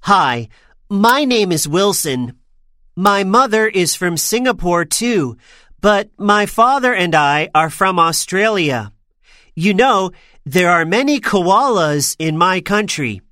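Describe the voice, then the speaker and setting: A woman's voice: lowish voice, no room sound, clean studio sound, heavily acted. Woman voicing a friendly young schoolboy. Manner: lively, clear, slow. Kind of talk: slow scripted textbook dialogue.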